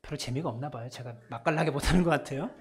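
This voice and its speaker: A male pastor preaching a Sunday sermon in a church, swinging between hushed soft lines and loud emphatic ones. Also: mid-range voice, racing, crowd noise. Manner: acts out voices in retelling scenes.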